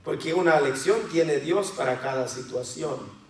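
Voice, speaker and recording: A man preaches to his congregation in a high voice and keeps turning to them with questions. He is heard from a distance, and his words ring out in a very echoey hall. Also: measured pace. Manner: addresses the congregation as brothers and sisters, with questions to the listeners; acts out voices of children and believers in quotes. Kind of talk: sermon.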